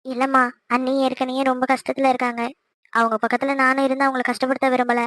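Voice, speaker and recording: A woman playing a cheeky young daughter in a cartoon, talking fast and pleading. Her voice is high and close, with no room sound. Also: little pitch movement, fairly bright tone, no echo. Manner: quick, pleading, exasperated. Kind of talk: cartoon voice acting.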